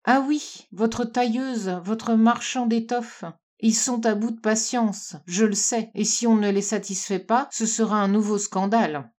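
A woman's voice: a little high, fairly even intonation, unhurried, few pauses, a little mellow, close to an everyday voice. A woman narrator voicing a stylish stepmother who speaks sharply and with reproach. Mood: reproachful.

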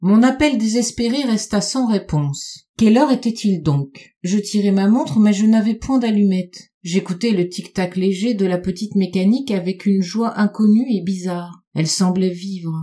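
A woman reading a classic short story aloud as an audiobook, measured and unhurried, slowing and dropping her voice on dark repeated phrases. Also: mid-range voice. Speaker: audiobook reader. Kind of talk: literary audiobook narration.

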